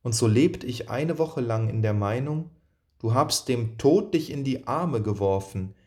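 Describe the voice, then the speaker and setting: A man's voice: mid-range voice, expressive, measured pace, darkish tone, close to an everyday voice. A man reading aloud the letter of a loving young woman, in a tender, earnest way.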